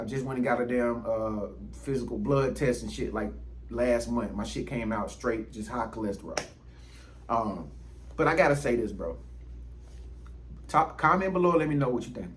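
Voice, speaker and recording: A man's voice: medium pitch, low-quality recording. A man in his thirties hosting his own channel, talking casually to the camera in a slangy, profane, rambling way full of fillers. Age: 30s. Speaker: YouTube channel host. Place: indoors under ring lights.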